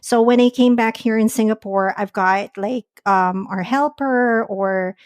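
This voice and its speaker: A woman's voice: on the high side, unhurried, dry recording, studio quality. A woman from the Philippines hosting a podcast, talking in a thoughtful, friendly, casual way. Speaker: podcast host. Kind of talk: casual conversation. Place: at home in Singapore.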